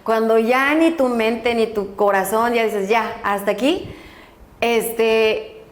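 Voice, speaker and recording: A middle-aged woman with a Mexican accent, a guest telling lively stories from her life and acting out the voices in them. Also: on the high side, slow pace. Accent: Mexican Spanish. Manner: lively, laughing storyteller who acts out voices. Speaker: guest, doctor and school director. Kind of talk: storytelling interview. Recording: echoey room.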